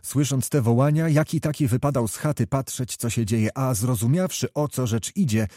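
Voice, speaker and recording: A man narrating a historical novel in a measured, even reading voice. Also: medium pitch, no echo, studio quality. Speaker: audiobook narrator. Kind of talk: scripted storybook narration.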